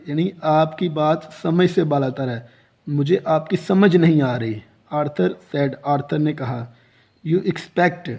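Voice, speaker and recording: Slow gravelly Pakistani teacher. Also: male voice, on the high side, a little mellow. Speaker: English teacher. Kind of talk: lecture reading and translating a story line by line. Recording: dull lo-fi lecture recording.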